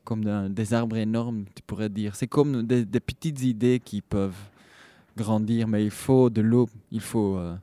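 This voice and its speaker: A Dutch-speaking Belgian man being interviewed as a guest, speaking French with a foreign Flemish accent and often pausing to search for words. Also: lowish voice, fairly even intonation, mellow, no echo. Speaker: musician guest, saxophonist and band leader. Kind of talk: conversational radio interview.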